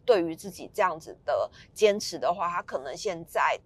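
A woman's voice: on the low side, lively intonation, normal speed, breathy edge. A woman, casually telling a story as a podcast host, chatty and emphatic. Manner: chatty, retelling a friend's story with rising emphasis.

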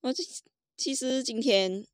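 A young woman, chatting casually with quick, teasing replies. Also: a little high, no room sound, clean studio sound. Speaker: podcast co-host. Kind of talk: casual chat.

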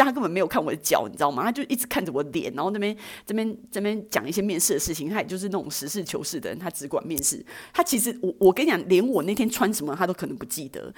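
Fast, lively, slightly husky woman. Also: lowish voice. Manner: animated, self-mocking, frequent "you know?" asides. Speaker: podcast host. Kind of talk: casual storytelling monologue.

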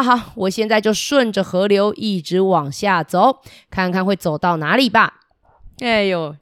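A woman voicing a boastful male river god, who speaks in loud exclamations and stammers when he is astonished. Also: mid-range voice, dry recording, studio quality. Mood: proud, amazed.

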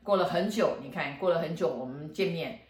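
A woman feng shui master, telling a story in a lively, chatty way with frequent laughs. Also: sits low, a little fast. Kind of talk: casual storytelling chat. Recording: roomy echo.

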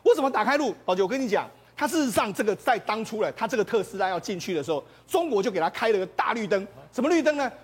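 A man's voice: high-pitched, expressive, rapid-fire, few pauses, husky. A man giving emphatic political analysis on a TV talk show, acting out others' words with interjections. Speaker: political commentator. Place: TV studio.

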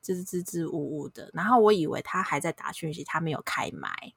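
A woman, co-hosting a casual chat and telling animated stories with frequent laughter. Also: deep voice, a little fast, gravelly, breathy edge, no room sound, clean studio sound. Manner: animated storyteller, laughs often. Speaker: podcast co-host.

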